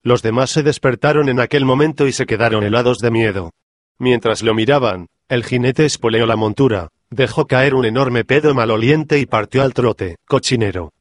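A man reading a comic parody audiobook in an even, measured scripted narration. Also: mid-range voice, dry recording, studio quality.

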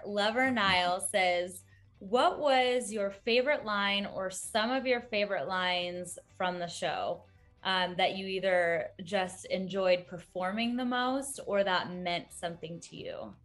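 A woman's voice: medium pitch, slow pace, fairly bright tone, soft background music. A woman interviewing a guest and reading out viewer questions, upbeat and affirming.

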